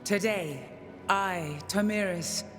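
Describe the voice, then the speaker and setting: Slow, regal queen played by a woman, loud music. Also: mid-range voice, lightly acted. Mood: solemn, commanding. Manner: stately, ceremonial. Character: regal, solemn queen of Persia. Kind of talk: dramatic video game acting.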